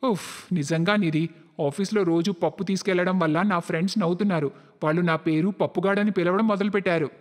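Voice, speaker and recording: A woman's voice: fairly low pitch, fairly even intonation, brisk, in a large hall, pitched below the performer's own voice, close to an everyday voice. A woman voicing a fed-up adult son who grumbles in a cartoon story. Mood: grumbling.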